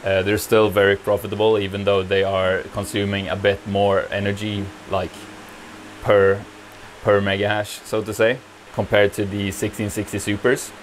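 A laid-back young man with a lowish voice walks through his cluttered home workshop at a moderate pace, giving a YouTube-style tour of his mining farm. He's relaxed and rambling, dropping "like" constantly, and the camera is held at arm's length indoors with slight background noise.

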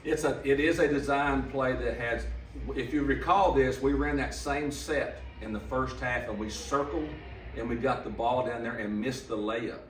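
Faint music plays behind a medium-pitched male voice with fairly even intonation and a normal pace. He's an older head coach taking questions from the press after a game, seated at a table mic on a stand, blunt and emphatic, with repetition for stress. The mic pickup is roomy and a bit distant, and the camera is some distance off.

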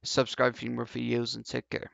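A man's voice: medium pitch, monotone, moderate pace, creaky, a bit bright, dry recording. A young adult man giving casual, offhand let's play commentary into a headset mic. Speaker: gaming YouTuber. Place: indoors, seated at a gaming setup. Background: faint game music.

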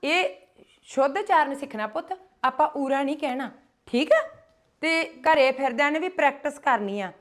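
Lady teaching kids punjabi, high voice, slow loud drawn out words for them to copy. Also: animated. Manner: slow, loud, drawn-out syllables for children to repeat. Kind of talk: call-and-response class teaching. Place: gurdwara classroom.

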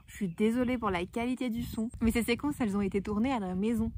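A woman vlogger and parent explaining things chattily to her viewers, in a low-quality recording from a nearly empty, echoing house. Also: quick pace. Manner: chatty, addresses viewers directly. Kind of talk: explanatory vlog talk to viewers. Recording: noisy, echoey low-quality home recording.

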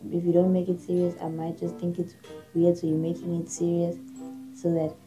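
A young woman talks at home with her boyfriend, dry and skeptical, pressing him with questions. Her voice is somewhat low and very dark and mellow. Faint music sits under her. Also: monotone, brisk, low-quality recording. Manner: dry, questioning, argues back. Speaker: girlfriend.

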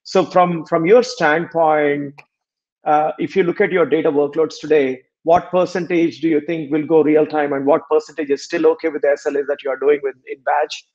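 A man's voice: a little high, steady tone, normal speed, darkish tone. Hesitant man on dull video-call audio. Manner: hesitant, many fillers. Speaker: host, interviewer. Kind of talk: video call interview questions. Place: home room indoors. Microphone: webcam on video call.

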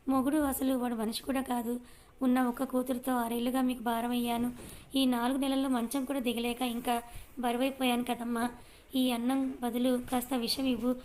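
A woman's voice: on the high side, darkish tone, slight background noise, lightly acted. A woman voicing a despairing, bedridden young mother who pleads and pities herself in an audio story. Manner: pleading, self-pitying.

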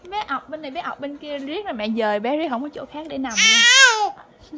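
A woman, a mother chatting to her baby at home in slow, high sing-song baby talk with frequent laughter. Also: lively intonation, heavy background noise.

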